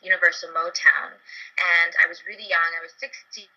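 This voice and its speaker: Young female singer from Barbados, low-ish bright voice, chatty with fillers, talking over a video call. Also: fairly even intonation, normal speed, dull audio. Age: young adult. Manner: chatty, upbeat, many fillers. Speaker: singer interviewee.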